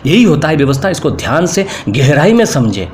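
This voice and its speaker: A man's voice: on the high side, very animated, a little fast, slight background noise. A man with an Indian accent, a spiritual teacher, giving an earnest, informal spoken lesson to camera and often repeating himself. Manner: earnest, repetitive, mixes English words into speech.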